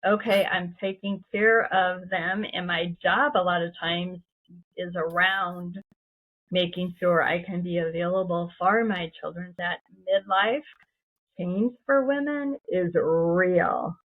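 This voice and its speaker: A woman's voice: lowish voice, fairly even intonation, slow. A woman podcast host and coach, speaking in an affirming, encouraging way in a casual interview. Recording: tinny phone-like line.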